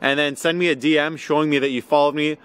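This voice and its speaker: Holding the camera at arm's length outdoors in the woods, this twenty-something vlogger delivers fast, excited shout-outs and hiking commentary. His voice is on the high side, steady in tone, a bit bright, clear, and resonant.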